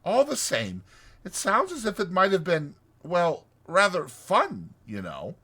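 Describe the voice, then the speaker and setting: Loyal storybook mole played by a male narrator, wistful and gentle, voice lifted in pitch. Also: wildly swooping pitch, unhurried, husky, heavily acted. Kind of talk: dramatized storybook reading.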